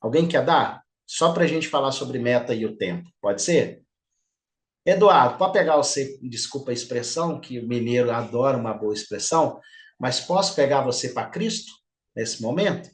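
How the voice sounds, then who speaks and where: A middle-aged man with a medium-pitched, expressive voice teaches a live online class at a normal pace. He lectures and questions his students in a chatty, informal way, frequently checking in with "tá?".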